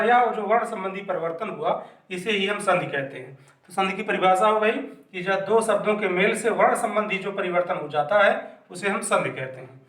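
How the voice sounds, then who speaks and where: A man's voice: sits high, fairly bright tone. Male teacher in an echoey room. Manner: patient, repeats and asks himself questions. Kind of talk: classroom grammar lesson. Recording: echoey room, mic at a distance.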